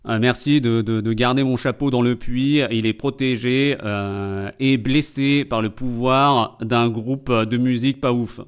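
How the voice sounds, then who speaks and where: A man's voice: mid-range voice, fairly even intonation, unhurried, hardly any pauses, smooth. A man streaming live and doing comedic translation commentary, full of joking, rambling asides.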